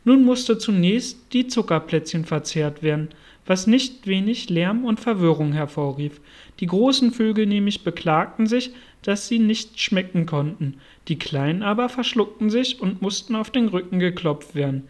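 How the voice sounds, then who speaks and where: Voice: medium pitch, animated, moderate pace, a little mellow. A narrator reading a classic children's story aloud as an audiobook.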